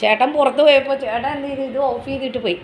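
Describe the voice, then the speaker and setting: Middle-aged woman rambling to her pet vlog viewers, highish voice, lots of ums and restarts, bit of background hum. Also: fairly even intonation, very fast, rough recording. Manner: rambling, chatty, many fillers and restarts. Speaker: pet vlogger. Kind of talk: casual chat to viewers.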